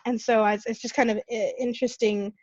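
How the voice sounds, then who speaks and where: A woman from California talking casually in an online Q&A, animated and quick to laugh while she tells stories. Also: fairly high pitch, dull audio. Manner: animated storytelling, laughs often. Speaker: guest speaker. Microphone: video call.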